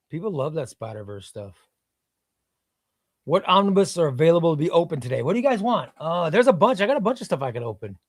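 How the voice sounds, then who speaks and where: A comic book seller from Illinois, whose first language was Spanish, hosts a casual livestream, reading viewer comments in a rambling, offhand manner with some swearing. His voice is a little high, and the sound is studio quality with no echo.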